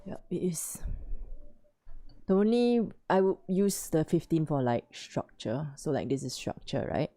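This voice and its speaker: Woman host for a trading stream, low mellow voice, excitable and giggly. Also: measured pace. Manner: excitable, cheers on trades, giggly. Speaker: livestream host. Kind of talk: casual trading chat.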